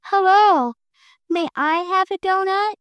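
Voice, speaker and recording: A cute little male animal from a picture book pipes up in a very high, sweet, pleading voice, as a woman puts him on. The delivery is eager and polite. The sound is dry and close. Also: slow, fairly bright tone, dry recording, exaggerated voice.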